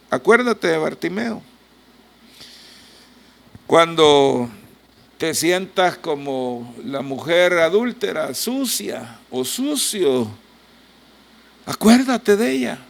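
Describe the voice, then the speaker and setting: A man with a Salvadoran accent preaching a sermon, gravelly-voiced, swinging between soft asides and loud emphatic lines as he acts out biblical voices. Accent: Salvadoran Spanish. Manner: preaching with wide swings in loudness and pitch, acting out biblical voices. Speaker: pastor.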